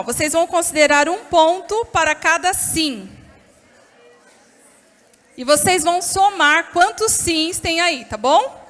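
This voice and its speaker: A Brazilian woman gives a talk at a church women's gathering and tells lively, expressive stories in a high voice. She speaks directly to her listeners and asks them questions. The sound carries the long reverb of a large church hall. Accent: Brazilian Portuguese. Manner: lively, expressive storytelling, addresses the audience directly.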